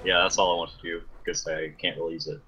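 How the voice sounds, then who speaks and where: A man's voice: sits low, level tone, quick pace, bright, forceful tone, soft background music. A man playing in a tabletop game, hesitant and stop-start as he works out his moves. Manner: hesitant, stops and restarts while deciding. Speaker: player. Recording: dull, lo-fi sound.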